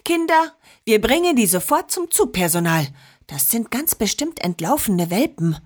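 A woman voicing a determined, caring grandmother who talks in a brisk, resolute way. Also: a little high, very animated.

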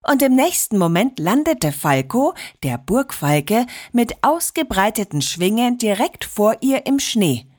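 A woman narrating a children's story in a lively, expressive way. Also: a little high, unhurried, hardly any pauses.

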